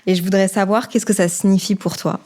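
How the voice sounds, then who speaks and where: A woman from Brussels hosting a casual conversation, lively and enthusiastic. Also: mid-range voice, a little fast. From Brussels, Belgium. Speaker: host. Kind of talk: casual chat.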